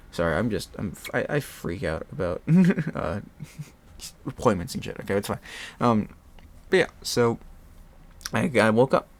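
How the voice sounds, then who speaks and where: A man chatting casually and telling a personal story in a rambling, animated way, often interrupting himself and re-enacting bits of dialogue. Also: lowish voice. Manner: often laughs while talking. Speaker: storyteller recounting own experience.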